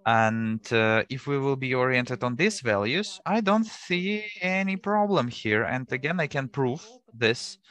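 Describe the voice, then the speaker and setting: Measured live interpreter, man. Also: medium pitch, animated, a bit bright. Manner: measured, rephrasing as he goes. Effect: live simultaneous interpretation voice. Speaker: simultaneous interpreter. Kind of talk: live interpreting of a panel discussion.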